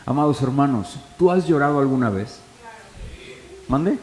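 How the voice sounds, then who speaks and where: A pastor preaches a sermon in an echoey church hall, talking conversationally and putting rhetorical questions to the congregation. His voice is mid-range and a little mellow, with lively intonation and a moderate pace. The recording carries faint ambience.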